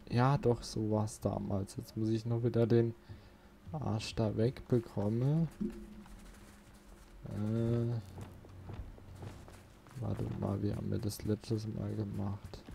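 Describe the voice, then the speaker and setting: Flat, mellow, and slow, this man's lowish voice carries vocal fry and frequent pauses as he narrates a let's play. He grumbles and curses mildly to himself, while game audio and ambience make the recording noisy.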